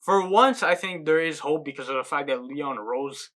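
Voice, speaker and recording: A man's voice: on the high side, normal speed, fairly bright tone. A man co-hosting a casual sports podcast, laid-back, trailing off in volume at the ends of phrases. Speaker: podcast co-host.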